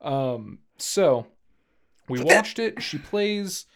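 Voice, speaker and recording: A man's voice: fairly high pitch, very animated, very slow, fairly bright tone. A man co-hosting a casual podcast, talking in a loose, rambling way and laughing often. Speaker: podcast co-host. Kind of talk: casual chat.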